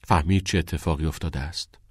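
A man reading a novel aloud as narrator in a calm, measured way. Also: extremely low pitch, no echo, studio quality. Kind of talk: audiobook narration.

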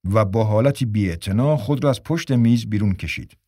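A man narrating a story in a measured, scripted way. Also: on the low side, warm tone, no room sound, studio quality.

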